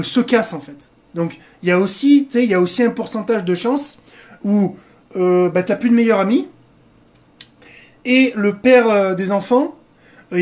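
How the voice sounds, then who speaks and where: A man hosting a casual reaction video with crude jokes, frequent laughter and rambling asides that turn serious. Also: sits high. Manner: crude joking, laughs often; digressive, drifts between jokes and serious remarks.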